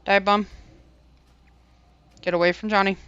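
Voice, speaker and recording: A man calling out mechanics in gaming voice chat, brisk, barking short commands over a headset. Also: sits high, little pitch movement, bright, forceful tone, clean tone, no room sound, lo-fi sound. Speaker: raid caller.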